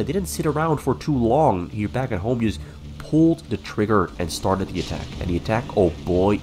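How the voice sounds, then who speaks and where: Animated esports caster, stuffed-up male voice. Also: on the low side. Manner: play-by-play in short clipped phrases. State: sick with flu, stuffy nose. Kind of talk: live esports game commentary.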